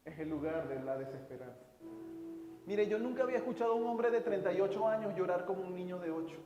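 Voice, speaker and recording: A man preaching a sermon, telling a personal story with emotional swings between soft, hushed lines and loud outbursts. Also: high voice, expressive, fast, dull audio. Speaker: pastor. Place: church hall. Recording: echoey church hall with music.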